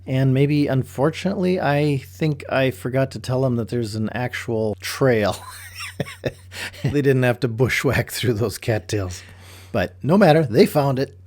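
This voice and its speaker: A man's voice: medium pitch, unhurried, a little mellow, no room sound. A man hosting a birding vlog, chatting casually and narrating outdoors, laughing easily. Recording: outdoor recording with background noise.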